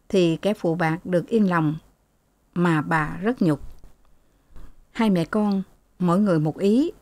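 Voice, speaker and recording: A woman narrating a novel as an audiobook in a steady, even storytelling voice. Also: on the low side, no echo.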